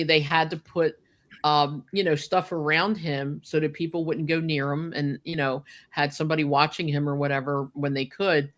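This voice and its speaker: An older woman hosts a podcast, reminiscing about personal memories in casual, unscripted talk. Her voice is deep with a fairly bright tone, and she's chatty and emphatic, often turning aside to address her listeners.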